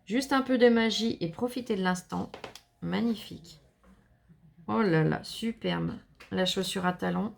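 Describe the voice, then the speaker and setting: A woman vlogger chatting casually to viewers while opening a scrapbooking parcel, gushing and enthusiastic with a slightly gravelly voice. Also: mid-range voice, unhurried. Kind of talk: casual unboxing chat to viewers.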